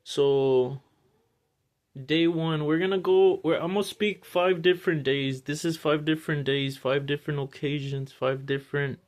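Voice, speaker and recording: Rambling male storyteller, high voice. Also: fairly even intonation, moderate pace. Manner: rambling, full of restarts and fillers. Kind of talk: casual spoken storytelling.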